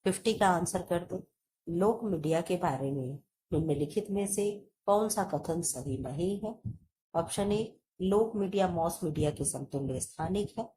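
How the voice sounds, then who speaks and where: A woman's voice: lowish voice, a little slow, dark tone, rough recording. A woman teacher going through exam questions, reading out each option and then answering it herself. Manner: reads options aloud and answers them herself. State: coughing, chest sore. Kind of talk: exam-prep lesson.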